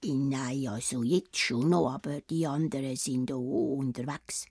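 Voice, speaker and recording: A woman voicing a timid, frightened young male wolf, speaking low, hushed and stammering, with a Swiss German accent. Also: unhurried, husky, no room sound, clean studio sound, exaggerated voice. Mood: scared.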